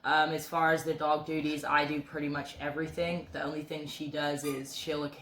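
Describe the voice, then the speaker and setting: Low-voiced woman in her thirties, joking. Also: little pitch movement, normal speed, a bit bright. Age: 30s. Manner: joking, rambling with many fillers. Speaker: co-host. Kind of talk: casual couple Q&A chat. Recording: echoey room with faint noise.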